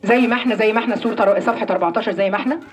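An Egyptian woman teaching Quran recitation to a class, asking questions and answering them herself, and slowly demonstrating verses. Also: medium pitch. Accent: Egyptian Arabic. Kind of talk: classroom lesson.

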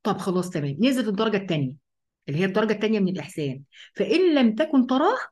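Fast-talking Egyptian woman teaching scripture. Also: medium pitch. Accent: Egyptian Arabic. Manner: lively, asks and answers her own questions; speaks directly to female listeners. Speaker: religious teacher. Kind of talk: Quran study lesson.

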